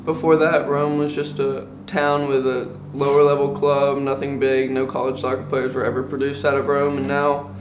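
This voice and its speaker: A man's voice: mid-range voice, little pitch movement, moderate pace, few pauses, echoey room, background noise. A man, the founder's son, talking casually and a bit hesitantly in a documentary interview.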